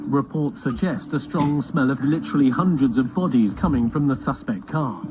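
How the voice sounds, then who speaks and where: A man narrating a parody police documentary in a deadpan, scripted manner. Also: mid-range voice, moderate pace, background noise. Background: loud background music.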